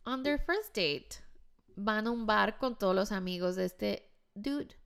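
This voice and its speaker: A woman's voice: medium pitch, lively intonation, a little slow, vocal fry, clear, resonant tone. A young woman with a Mexican accent co-hosting a podcast, chatting and reacting, often slipping into English. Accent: Mexican Spanish. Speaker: podcast co-host. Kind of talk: casual chat.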